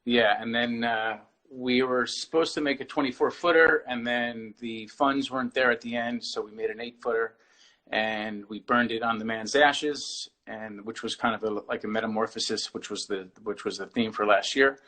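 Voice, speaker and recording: A man's voice: medium pitch, fairly even intonation, moderate pace, bright, forceful tone, poor audio. A man, an artist, talking casually as a guest on a video-call interview, rambling and often restarting his phrases.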